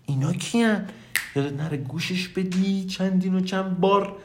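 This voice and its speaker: A man from Iran giving an emphatic, playful motivational talk, acting out inner voices and speaking warmly to his listeners. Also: high voice. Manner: affectionate toward listeners. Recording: roomy echo.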